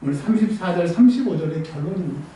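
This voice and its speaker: A male pastor preaching an animated sermon in a church, acting out scolding voices and laughing often. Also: high voice, fast. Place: church sanctuary. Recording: very echoey hall, mic at a distance.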